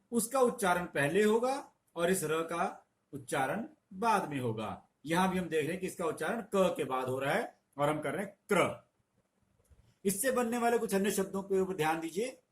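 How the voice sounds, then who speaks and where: A middle-aged man teaching a spelling lesson, patient, explaining with little stories and examples. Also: high voice. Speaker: Hindi language teacher.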